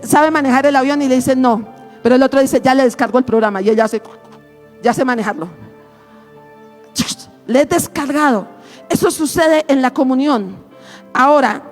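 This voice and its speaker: A woman's voice: sits high, normal speed, pauses often, a little mellow, faint music behind. A woman pastor preaching a sermon, telling stories, acting out voices, and rising to fervent exclamations.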